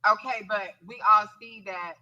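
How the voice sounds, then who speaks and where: A woman's voice: mid-range voice, moderate pace, bright, forceful tone, dull audio. A woman in her twenties, a caller who firmly stands her ground in an argument. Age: 20s. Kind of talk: heated on-air argument.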